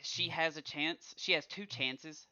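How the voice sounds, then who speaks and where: A man co-hosting a podcast in casual chat, encouraging and quick to give shout-outs. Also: on the high side, clear, resonant tone. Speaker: podcast co-host. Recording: dull lo-fi sound.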